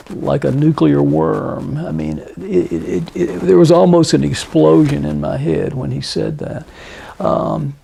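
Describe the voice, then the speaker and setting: Gravelly older American veteran remembering. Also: male voice, fairly high pitch, mellow. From Tennessee, United States. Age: 70s. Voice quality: gravelly, husky. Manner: old veteran remembering, deliberate with hesitant pauses and emphatic phrases. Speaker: Vietnam veteran being interviewed. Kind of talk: recounting memories in an interview.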